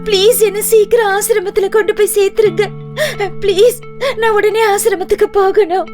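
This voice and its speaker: A woman's voice: high-pitched, a little fast, over music, lightly acted. An actress dubbing a frightened young woman who pleads urgently for help. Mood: pleading. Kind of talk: Tamil film dub.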